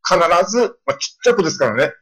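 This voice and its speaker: A middle-aged male pastor preaching a sermon, telling stories and acting out children's lines in a lively way. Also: high-pitched, fast, husky, low-quality recording. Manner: storytelling with lively voiced quotes of children.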